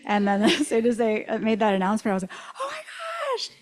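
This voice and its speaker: A woman speaks as a guest at a spiritual center service, relaxed and conversational. She fills pauses with ums and restarts her sentences often. Her voice sits at a middle pitch. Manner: chatty, with many ums and restarts. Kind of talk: live talk to a congregation.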